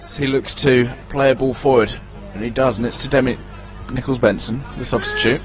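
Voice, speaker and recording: A man's voice: mid-range voice, steady tone, brisk, soft background music. A man giving live play-by-play commentary at a football ground, chatty and prone to stumbling over player names.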